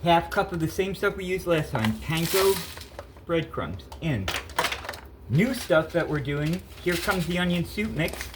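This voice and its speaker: Cooking at home for his casual vlog, a stuffed-up man in his fifties rambles and corrects himself in a chatty way. He sounds animated, his voice a little high, his pace a little slow, and the background is noisy.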